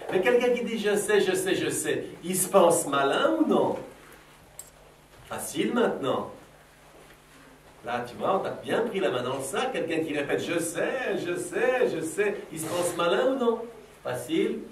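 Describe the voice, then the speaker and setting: A man's voice: high voice, lively intonation, a little slow. A middle-aged man leading a philosophy session with children, asking playful, probing, teasing questions. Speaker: philosophy workshop leader for children. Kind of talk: Socratic questioning of a class. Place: school classroom with children. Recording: roomy, from a distance, faint background noise.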